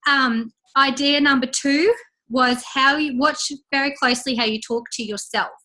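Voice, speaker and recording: A team leader hosts a casual training call, her high voice steady in tone, bright and pushed, at a normal speed. She's chatty and upbeat with lots of fillers, though she sounds a little congested and out of breath.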